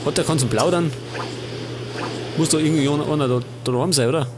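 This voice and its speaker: A fairly high-voiced man with a Bavarian accent, talking his way through a game at home. He chats and grumbles at the characters as he plays, with a faint hiss of noise behind him. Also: fast talker. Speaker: let's play host. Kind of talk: casual gameplay commentary.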